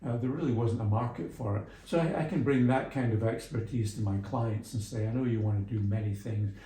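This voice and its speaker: Being interviewed, this executive coach and small business mentor, a middle-aged or older man from Scotland and England, tells anecdotes to make his points, sounding conversational and a bit hesitant. His lowish voice is brisk with a dark tone, and the recording has a roomy echo.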